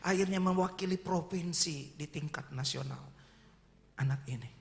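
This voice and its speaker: A man's voice: a little high, moderate pace, creaky. Earnest man preaching an emotional testimony. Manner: emotional, earnest storytelling that addresses the congregation directly. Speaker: pastor. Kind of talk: sermon testimony. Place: church.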